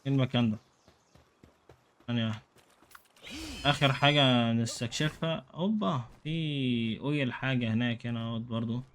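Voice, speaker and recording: Egyptian guy doing lets play commentary, jokey, yells at the game, mid pitch. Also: fairly quick, pauses often, a little hiss or hum. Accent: Egyptian Arabic. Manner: joking, excitable, talks to the game. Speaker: gaming YouTuber.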